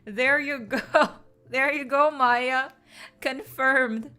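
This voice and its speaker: High-pitched and sharp, her voice stays steady as she talks slowly to her stream audience. The young woman keeps it casual, teasing and sarcastic, full of "like" fillers, while soft music plays behind her.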